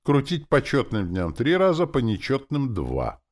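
A man's voice: mid-range voice, huge pitch swings, a little slow, darkish tone, voice pushed up. A man doing a curt zombie chief. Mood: matter-of-fact. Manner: curt and businesslike. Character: zombie male garrison chief, dry, matter-of-fact.

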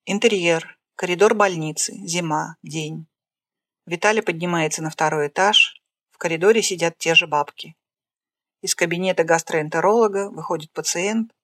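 A narrator reading the stage directions of a screenplay aloud in a plain, flat way. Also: mid-range voice, normal speed, slight background noise.

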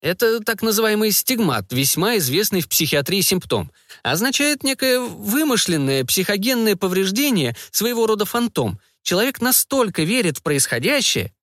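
A man's voice: high-pitched, sing-song, fairly bright tone, no echo, clean studio sound, voice pushed up. A man voicing a fussy, hesitant male scientist who keeps humming "m" mid-sentence in an audiobook. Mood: eager. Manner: halting, hums "m" mid-sentence. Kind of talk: audiobook character voice.

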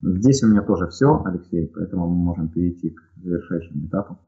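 A very low-voiced man from Ukraine answers listeners' questions live on radio, his warm, animated tone squeezed through a narrow, phone-like headset line. He still speaks in a measured way, pausing often and using fillers.

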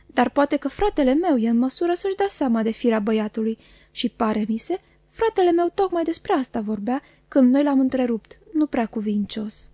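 A woman's voice: high voice, expressive, warm tone, no echo, clean studio sound. A curt, sarcastic spinster, read by a woman. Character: sharp, sour spinster, haughty sister.

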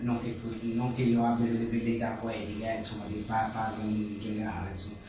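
The recording, made with a distant mic in an echoey room with faint noise, captures a man interviewed as a writer at a live book presentation. His voice is on the low side and a little fast with a completely flat delivery, and his phrasing is rambling, hesitant, and full of tag questions.

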